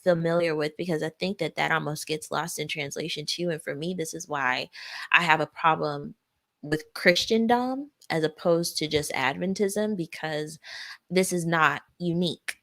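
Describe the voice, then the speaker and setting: A woman's voice: low voice, moderate pace, a bit bright. A woman co-hosting a podcast, speaking emphatically about her views. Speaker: podcast co-host. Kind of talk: casual conversational podcast.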